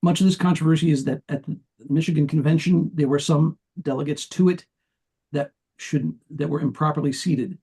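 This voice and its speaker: Man, public comment, gravelly, husky, measured with restarts. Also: a little high, warm tone. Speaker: public commenter, former state party chair. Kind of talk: public comment at a video-call party meeting.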